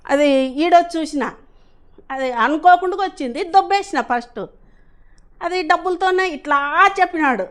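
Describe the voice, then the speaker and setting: A woman's voice: very high voice, animated, normal speed, pauses often. A middle-aged woman, giving a rambling, earnest personal testimonial as a class attendee.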